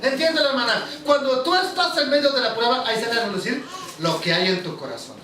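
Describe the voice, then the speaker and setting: High, bright-voiced preacher. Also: male voice, expressive, fast, slight background noise. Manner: emphatic, quizzes the congregation with questions. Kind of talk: sermon to a congregation. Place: church hall. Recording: echoey room, mic far off.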